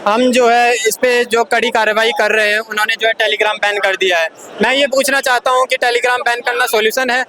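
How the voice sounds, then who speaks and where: A man's voice: very high voice, fairly even intonation, moderate pace, background noise. A man at a street protest, making his case earnestly and argumentatively. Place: outdoor street protest in a city.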